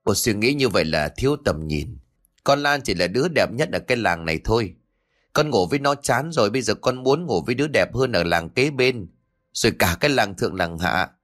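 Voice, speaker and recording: A man's voice: lowish voice, expressive, brisk, a bit bright. A man doing an arrogant, scoffing rich young man. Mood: boastful. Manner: scoffing, dismissive.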